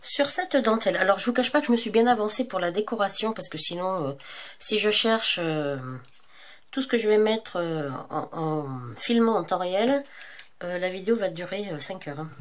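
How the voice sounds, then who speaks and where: A congested, cold-stricken crafting host with a French accent presents a tutorial in a medium-pitched voice with lively intonation at normal speed. Slight background noise is present, and she speaks casually and hesitantly, with frequent fillers and self-corrections.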